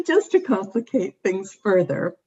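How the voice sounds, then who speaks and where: Sex: woman. Role: voting rights expert in a remote meeting. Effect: connection breaking up on a video call. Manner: patient explainer. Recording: dull lo-fi call audio, mellow husky tone. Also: medium pitch, very animated, slow.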